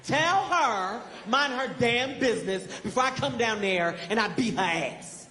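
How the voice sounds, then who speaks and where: A woman's voice: on the high side, lively intonation, measured pace, fairly bright tone, long reverb tail, slight background noise. A male comedian voicing his stern, fiercely protective mother, who gives blunt, profane threats. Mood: fed up.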